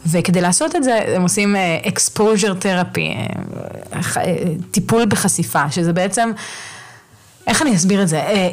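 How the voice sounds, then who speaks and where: A woman with a somewhat low voice hosts a podcast from a home microphone. She recaps a novel casually, chatty and animated, pausing often to find her words. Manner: chatty, animated retelling with many hesitations. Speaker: podcast host.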